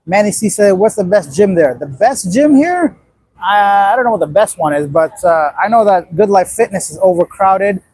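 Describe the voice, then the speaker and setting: Animated and high-pitched, with a darkish, slightly rough tone and moderate pace, a man in his late thirties from Afghanistan rambles bluntly while reading viewer comments on a casual livestream. No room sound is audible.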